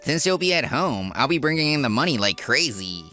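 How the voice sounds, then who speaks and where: A man's voice: medium pitch, very animated, fairly quick, sharp tone, faint music behind. A man as a smug, sneering younger brother. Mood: smug, mocking. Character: smug, spiteful younger brother in a corporate job. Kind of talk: comic dub character acting.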